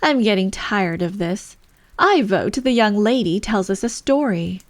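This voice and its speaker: A woman's voice: mid-range voice, lively intonation, measured pace, no room sound, close to an everyday voice. A woman voicing a bored, blunt, impatient male hare in a storybook.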